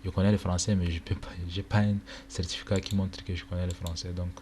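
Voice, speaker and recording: Keyboard clicks sound through the noisy home recording as a young man from Chad, first language Arabic, presents a screen-recorded tutorial at a computer indoors. His voice is low and flat, and his speech is casual and halting, full of fillers.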